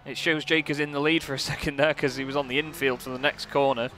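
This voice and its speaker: Bright-voiced male motorsport commentator over car noise. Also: medium pitch, fast. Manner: motorsport commentator delivery, excitable at incidents, casual and chatty. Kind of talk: live race commentary on an online sim racing event. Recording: noisy, car engine sound behind. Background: racing car engines.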